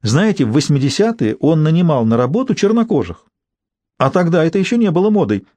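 A prim, conventional middle-aged wife tuts over modern manners, as a male reader puts her on. Her lines lift a little and move in a lively way. The sound is close and dry. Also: on the high side, a little fast, no room sound, voice pushed up. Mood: confiding. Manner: prim, tutting.

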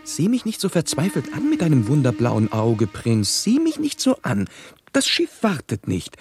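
An actor playing a small, restless male swallow in a radio play, with an excitable, husky voice. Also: fairly high pitch, moderate pace, soft background music. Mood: pleading.

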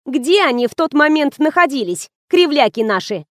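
Woman voicing a mocking female friend, needling, higher-pitched, dry close recording. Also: big pitch swings, moderate pace, no room sound. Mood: scornful. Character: sharp-tongued sarcastic woman friend.

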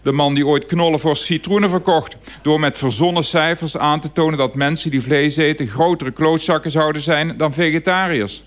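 A man's voice: on the high side, moderate pace, few pauses. A man reading a written radio column aloud, dry and ironic in manner.

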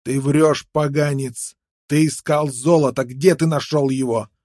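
A man's voice: a little high, fairly even intonation, unhurried, a little mellow, no room sound, clean studio sound, pitched above the performer's own voice. A man voicing a menacing, contemptuous young frontiersman with a knife, snarling threats in an audiobook. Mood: threatening.

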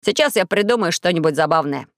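Storybook role: playful boastful alien boy, lower and dry, read by a woman. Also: animated, fast talker, no room sound. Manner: sly and boastful. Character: cheerful blue-faced alien boy inventor, playful.

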